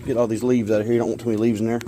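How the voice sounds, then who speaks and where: Speaking very fast in a mid-range voice with little pitch movement, this pet keeper vlogger is out of breath as he rambles through his backyard fish pond chores outdoors. It's a casual outdoor pet vlog, with loud hip hop music over him and slight background noise.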